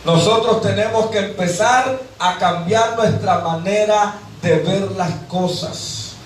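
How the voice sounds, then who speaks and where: Mexican male pastor, high voice, animated sermon delivery, heard from a distance in a very echoey hall. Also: slow. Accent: Mexican Spanish. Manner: animated preacher acting out everyday voices.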